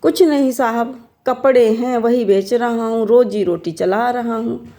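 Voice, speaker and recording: A sly young lad from a folk tale, humble and polite on the surface while he tricks everyone, as a woman storyteller puts him on. His voice sits fairly high. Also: measured pace, warm tone. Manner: polite, deferential talk. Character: cheeky young male trickster.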